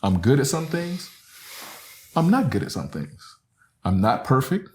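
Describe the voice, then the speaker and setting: Here a middle-aged man from Alabama, a professor on a podcast, speaks in an unhurried mid-range voice with big swings in pitch. His reflective, conversational explanations are earnest and peppered with "right?" and "you know."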